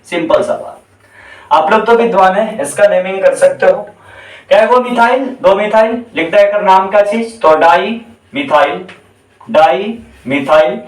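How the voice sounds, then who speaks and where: A man teaching chemistry in a lecture style, asking questions and answering them himself. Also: sits high. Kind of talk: classroom lecture. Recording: echoey room, voice from a distance.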